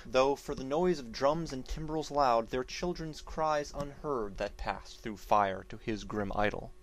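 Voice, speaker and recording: A man's voice: medium pitch, a little slow, low-quality recording. Theatrical man declaiming epic verse. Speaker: narrator reading an epic poem. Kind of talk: dramatic reading of archaic epic verse.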